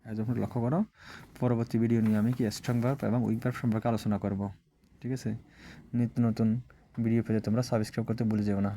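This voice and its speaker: A man with a warm, mellow voice drills verb forms like a patient classroom teacher. He repeats each word list in a steady chant and keeps asking if his students have it. A faint hiss sits under the recording. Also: fairly low pitch, very fast. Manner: repetitive chanting of word lists, frequent "all right?" checks. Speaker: English teacher.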